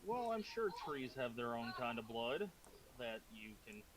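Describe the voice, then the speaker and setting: Guy at a dnd session, casual roleplay talk, average pitch, faint noise. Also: sing-song, measured pace. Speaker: tabletop game player. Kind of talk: casual in-character role-play.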